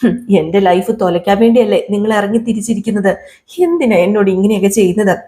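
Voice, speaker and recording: Woman playing a resentful young wife, accusing, sharp questions, warm mellow tone, soap recap. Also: mid-range voice, fast, close to an everyday voice.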